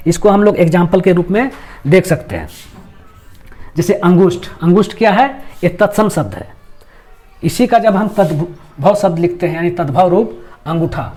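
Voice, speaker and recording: A man teaching a grammar lesson, explaining step by step, repeating each point and sounding out letters slowly. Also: high-pitched, a little mellow. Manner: explains step by step, repeats points and asks questions back to the learner; sounds out letters and words slowly to show how they are spoken.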